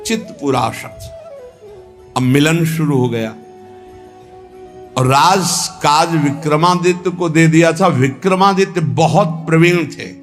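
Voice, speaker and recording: A man's voice: on the high side, takes it slowly, soft background music. A man giving a devotional discourse, telling an old legend and voicing the characters' lines himself. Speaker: spiritual teacher.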